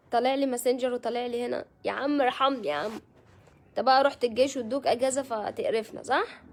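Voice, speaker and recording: A woman's voice: fairly high pitch, gravelly, a little mellow. An Egyptian woman hosting a casual live stream, chatting with viewers and greeting them by name. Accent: Egyptian Arabic.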